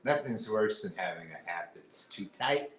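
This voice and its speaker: A man with a very deep voice talks through a casual live stream, circling back on himself with fillers and restarts. His voice rings in a roomy, echoey space over a faint hiss. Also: expressive, normal speed, a bit bright. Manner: rambling, many fillers and restarts. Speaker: co-host. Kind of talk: casual livestream chat.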